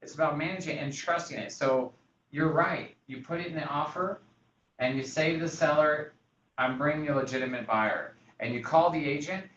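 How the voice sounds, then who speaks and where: A man's voice: a little high, normal speed, a bit bright. A man who works as a real estate broker, talking in a casual podcast discussion and acting out phone calls as he tells stories. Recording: roomy, distant, dull sound with faint noise.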